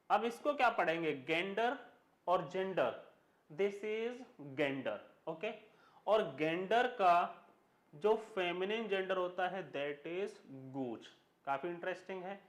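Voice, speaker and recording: Slow-spoken man teaching grammar. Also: sits high, roomy sound. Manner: mixes Hindi and English, spells words out letter by letter; asks students questions and answers them himself. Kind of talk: classroom lecture.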